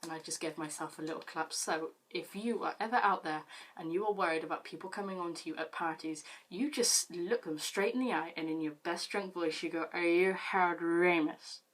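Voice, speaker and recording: Young woman from Britain, comic vlogger, self-mocking, a little low-pitched. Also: a little fast, poor audio. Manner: chatty, self-mocking, lively. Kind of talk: comic storytelling to camera.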